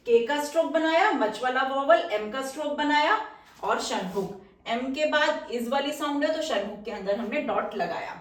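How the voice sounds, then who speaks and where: A woman teaching shorthand, explaining step by step and patiently repeating each word slowly as she writes it. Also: sits high, animated. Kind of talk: explaining step by step while writing outlines. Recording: roomy echo, mic somewhat distant.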